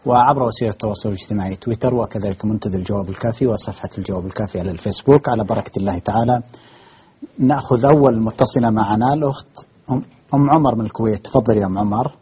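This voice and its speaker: A man's voice: fairly low pitch, very fast, breathy edge. A man hosting a religious call-in show, courteous and formal as he greets viewers and takes calls. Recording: dull muffled broadcast audio.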